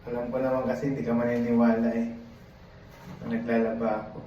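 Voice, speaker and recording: A man's voice: mid-range voice, level tone, fairly quick, mellow, a little hiss or hum. A man vlogging casually while doing laundry, chatty and rambling, often laughing at himself. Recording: echoey, dull, from far off.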